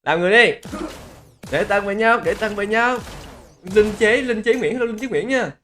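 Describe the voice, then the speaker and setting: A man doing live gameplay commentary, who exclaims loudly and greets and teases his chat viewers. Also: high-pitched, a little fast, a little hiss or hum. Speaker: game streamer. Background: game music.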